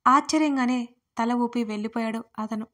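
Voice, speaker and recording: Expressive woman narrating a romance story. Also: a little high, moderate pace. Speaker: storyteller and author. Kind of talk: first-person romance audio story narration.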